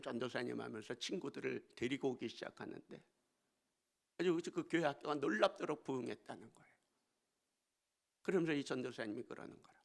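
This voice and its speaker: A male pastor gives a storytelling sermon in a church, his voice gravelly with a rough, creaky edge. He sits at a middle pitch and moves between quiet, confiding asides and sudden emphatic lifts. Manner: storytelling, swinging from hushed asides to emphatic exclamations. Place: church sanctuary.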